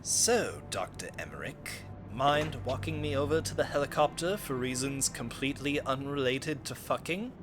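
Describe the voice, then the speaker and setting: Cranky old game-parody soldier , male actor, crude and sarcastic, with animated, swinging pitch. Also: normal speed, over music, lightly acted. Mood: blunt. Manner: sarcastic, blunt. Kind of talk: comedic video game parody dub.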